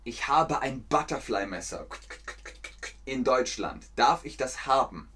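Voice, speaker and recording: A man's voice: medium pitch, animated, unhurried, pushed and bright, slightly rough. A man teaching German in a livestream lesson, speaking in simple, repetitive sentences for learners.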